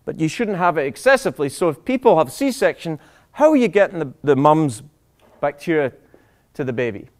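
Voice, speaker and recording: A man, a doctor, giving a public lecture, animated and full of rhetorical questions to the audience. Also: a little high, fairly quick.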